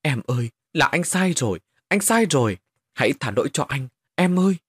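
A man's voice: fairly high pitch, very animated, normal speed, slightly rough, dry recording, studio quality, voice pushed up. A man voicing a terrified, guilt-ridden elder brother, pleading in a panicked voice. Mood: guilty pleading.

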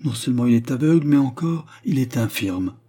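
A man reading aloud, voicing a humble, trembling poor young woman in a softly raised voice. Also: medium pitch, animated, brisk, pitched above the performer's own voice, natural voice.

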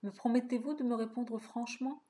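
A woman's voice: fairly high pitch, fairly even intonation, brisk, dark tone, close to an everyday voice. A woman voicing a hesitant, anxious older man of sixty-two who stammers through his question, in a storybook reading.

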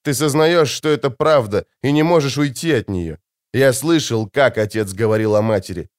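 A man's voice: mid-range voice, moderate pace, close to an everyday voice. A man reading the part of a stern, weary young noble heir who talks in an impatient grumble. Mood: brooding.

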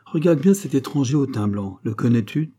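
A proud, wary prince speaks with haughty command, as a male narrator voices him. The tone is mellow and a little husky. It is a role from a read-aloud adventure story. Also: medium pitch, animated, moderate pace, pitched above the performer's own voice.

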